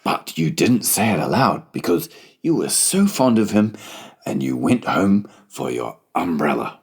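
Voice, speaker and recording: A man's voice: deep voice, very animated, a little slow, vocal fry, breathy edge. A man narrating a children's story as a scripted audiobook.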